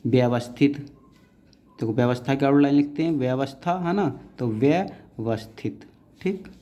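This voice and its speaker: A man teaching shorthand. He repeats each word slowly and gives short instructions as he writes, often checking with "है ना". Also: mid-range voice, warm tone, lo-fi sound. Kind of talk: dictation-style tutorial explaining outlines.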